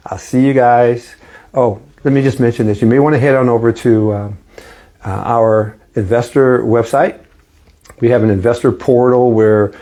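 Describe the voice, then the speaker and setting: A man in his late sixties giving casual life advice in a gentle, reassuring, reflective and conversational way. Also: medium pitch. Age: late 60s. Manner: conversational, often seeking agreement with rhetorical questions. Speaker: host and investing coach.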